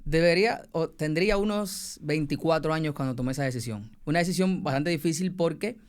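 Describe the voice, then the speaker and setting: Cuban guy in his twenties, a bit high voice, smooth, lots of pauses and fillers. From Cuba. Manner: hesitant, many fillers and pauses. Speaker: guest, former biology teacher. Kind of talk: telling his life story.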